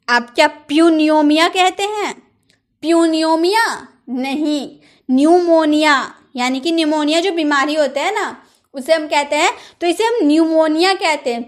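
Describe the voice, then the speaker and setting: A woman's voice: high-pitched, a bit bright. A woman teaching English pronunciation, repeating words and asking the viewer rhetorical questions. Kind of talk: pronunciation lesson.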